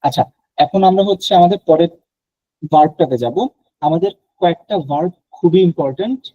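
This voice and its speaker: A man's voice: fairly high pitch, a little fast, dull audio. A man from Bangladesh teaching a French class online, explaining patiently and mixing in English phrases.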